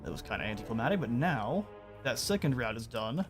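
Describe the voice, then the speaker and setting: A man streaming a strategy game, giving relaxed, chatty commentary and explaining his moves and the game's lore as he plays. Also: mid-range voice, a little fast, soft background music. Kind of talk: casual gameplay commentary.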